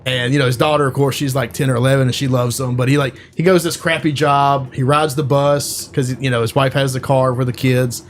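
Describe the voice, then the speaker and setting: A man's voice: mid-range voice, level tone, a little fast, few pauses. Casual host, male, rambling storyteller heavy on fillers, faint music under him. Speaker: podcast host. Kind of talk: casual chat.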